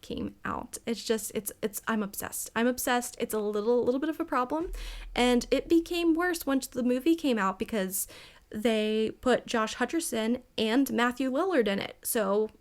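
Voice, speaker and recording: A young woman doing chatty, casual build commentary in an excitable, rambling, over-caffeinated way, often giggling between phrases. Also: fairly high pitch, moderate pace. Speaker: gaming video creator.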